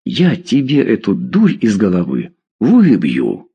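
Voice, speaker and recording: A man voicing an enraged middle-aged father who hurls pompous threats at his son, with a husky, lively voice. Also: on the low side, takes it slowly, dull audio, exaggerated voice. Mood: furious.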